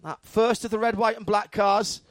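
A man's voice: high voice, steady tone, moderate pace, dry recording. A man giving live motorsport commentary as an enthusiastic, descriptive race commentator.

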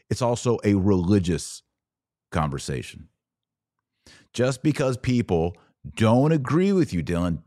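With a lowish, somewhat dark-toned voice, a middle-aged American man comments on played clips for his podcast. He argues his views emphatically and often poses rhetorical questions.

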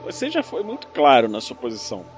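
An actor in a crime audio drama playing a frightened, cornered crook with a nervous, pleading manner. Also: male voice, mid-range voice, wildly swooping pitch, fast. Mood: anxious, giving in. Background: music.

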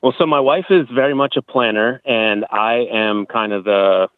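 A man's voice: medium pitch, moderate pace, dry recording. A man in his thirties talking casually as an interview guest, sharing his own experiences. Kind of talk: casual conversational interview, telling personal experiences. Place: outdoors at a campground. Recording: thin phone-like line.

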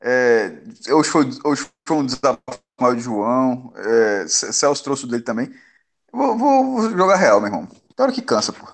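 A man's voice: medium pitch, sing-song, normal speed. A man from on a casual panel, speaking bluntly and repeating slang fillers.

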